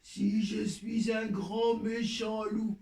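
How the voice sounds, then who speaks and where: A woman's voice: medium pitch, flat delivery, slow, vocal fry, mellow. A woman voicing a boastful, childish little boy wolf who plays big and bad and stammers when challenged, in theatrical children's storytelling. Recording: echoey room, distant from mic.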